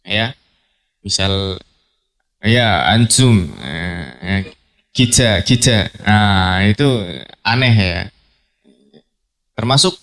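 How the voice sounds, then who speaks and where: A man teaching Quran recitation to a class, talking in a relaxed, repetitive way and often clearing his throat. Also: on the low side. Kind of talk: live tajwid lesson to students. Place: study hall at a training event.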